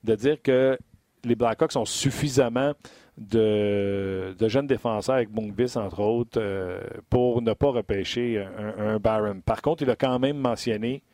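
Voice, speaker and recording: A man's voice: lowish voice, a little slow, dark tone, dry recording. A man with a Québécois French accent hosting a hockey draft talk show, chatty and full of hesitations. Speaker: sports radio host.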